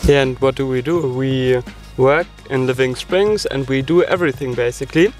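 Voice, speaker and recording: A young man from Germany, a native German speaker, talking in a thoughtful, measured way about volunteering. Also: mid-range voice, a little mellow, soft background music. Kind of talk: casual group chat.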